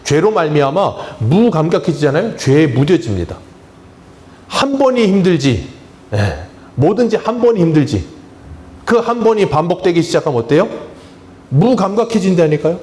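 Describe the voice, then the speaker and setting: A man's voice: fairly high pitch, very animated, normal speed, dark tone. A man who is a pastor, preaching a sermon in a church in a plain, conversational way. He keeps asking the congregation questions and then answers them himself, with touches of humor. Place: church sanctuary.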